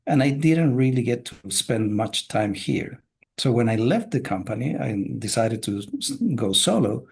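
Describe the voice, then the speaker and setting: This podcast guest is a business coach from Chile, middle-aged, speaking casually at a measured pace with many filler sounds. His medium-pitched voice is expressive, gravelly and slightly rough.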